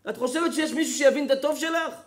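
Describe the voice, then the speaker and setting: High-voiced rabbi preaching with emphasis. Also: male voice. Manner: emphatic, repeats phrases for effect, swings between loud and soft. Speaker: rabbi giving a public lesson. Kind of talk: impassioned sermon.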